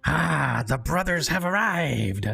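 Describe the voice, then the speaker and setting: Guy putting on a big mean troll voice, low gravelly growl, bossy and threatening, fantasy game with some music behind. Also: animated, takes it slowly, bright, forceful tone, exaggerated voice. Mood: menacing, demanding. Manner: threatening, imperious. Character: huge menacing male bridge troll demanding toll. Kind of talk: tabletop game character voice.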